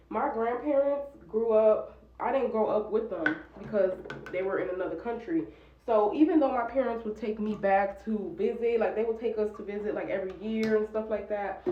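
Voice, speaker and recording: Young woman vlogging about her life, chatty and candid, kinda far from the mic, roomy and a bit dull. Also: medium pitch. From United States. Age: 20s. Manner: candid, chatty, many "like" fillers. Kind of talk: casual storytime chat.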